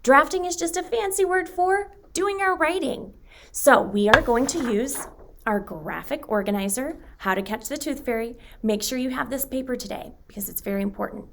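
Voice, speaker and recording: A woman teacher explaining a writing task to young children in a lively classroom tone. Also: high voice, moderate pace.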